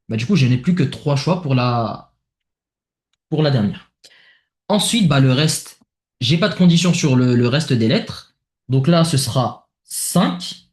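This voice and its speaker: A man's voice: on the high side, darkish tone. A man with a French accent talking casually through a math exercise step by step, thinking aloud with many fillers. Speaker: math tutor. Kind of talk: worked exercise explanation. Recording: echoey room.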